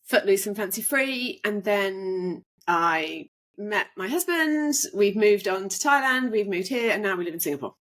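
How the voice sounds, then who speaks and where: A woman's voice: mid-range voice, lively intonation, unhurried, few pauses, a bit bright. A middle-aged woman from England, chatting casually as a podcast guest, rambling with fillers. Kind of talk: casual interview chat.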